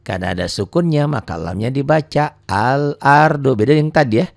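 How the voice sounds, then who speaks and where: Male Quran tutor, mid-pitched and creaky, runs a patient question-and-answer beginner lesson. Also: lively intonation, moderate pace, no room sound, clean studio sound. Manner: asks and answers his own questions, stretches out recited words. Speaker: Quran reading teacher.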